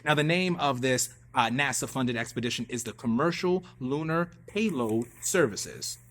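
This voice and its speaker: A man hosts a radio show, commenting casually on hot news topics in a theatrical, emphatic style and repeating phrases for effect. His medium-pitched voice is fairly bright with lively intonation, at a moderate pace. Music plays under the talk.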